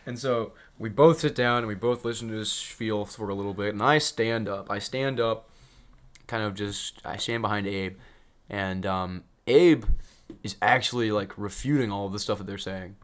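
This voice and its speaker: A man's voice: on the low side, moderate pace. A young man co-hosting a podcast, telling a story in casual chat, acting out quotes and laughing often. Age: young adult. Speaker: podcast co-host.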